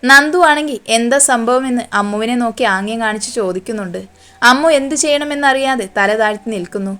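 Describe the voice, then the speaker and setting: A woman reading a romance story aloud, voicing the quoted lines softly. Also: on the high side, a little fast.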